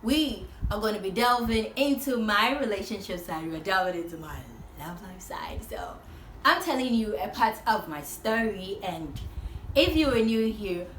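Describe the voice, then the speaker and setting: Animated woman telling storytime in echoey room. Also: medium pitch. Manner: animated storytelling with acted-out quotes. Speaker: vlogger on a sibling channel. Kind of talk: casual storytime chat. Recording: roomy echo, faint background noise.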